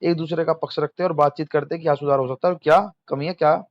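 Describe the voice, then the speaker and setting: A man's voice: on the high side, steady tone, fast, dry recording, muffled recording. Chatty young male exam tutor. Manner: chatty, addresses students as friends, asks and answers himself. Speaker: exam coaching teacher. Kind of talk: casual lecture.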